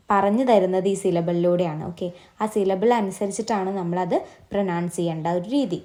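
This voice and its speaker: Malayali woman teaching a lesson, explains slowly step by step, keeps asking you to try it. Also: medium pitch, mellow. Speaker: English teacher. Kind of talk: exam-prep lesson.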